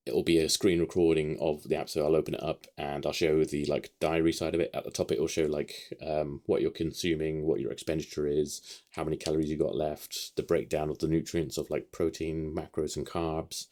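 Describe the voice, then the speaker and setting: A man's voice: extremely low pitch, darkish tone. A man from the United Kingdom rambling casually through a vlog update from his home office, with lots of ums and restarts. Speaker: vlogger.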